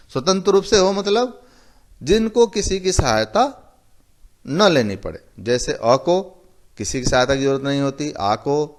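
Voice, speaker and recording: Slow, lively-voiced male teacher. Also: medium pitch. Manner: explains slowly, repeating terms and giving examples. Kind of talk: recorded classroom lecture.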